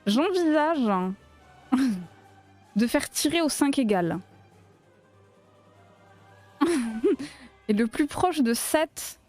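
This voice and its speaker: On a crochet live stream, a south-west French woman with a matching accent talks casually and playfully in a fairly high, slightly mellow voice. She laughs a lot as she replies to viewers in the chat.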